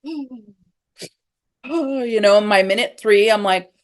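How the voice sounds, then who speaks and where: A woman cold-exposure coach, a podcast guest, telling personal stories in an earnest, animated way. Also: medium pitch, brisk. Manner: earnest, animated, acts out emotions. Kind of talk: personal storytelling in conversation.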